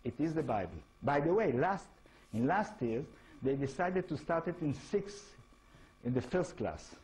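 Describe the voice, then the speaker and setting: A man's voice: fairly high pitch, very animated, a little slow, darkish tone, poor audio. A man from Israel, speaking English with an Israeli accent, gives an informal lecture as an author and keeps asking his audience rhetorical questions. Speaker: author giving a talk.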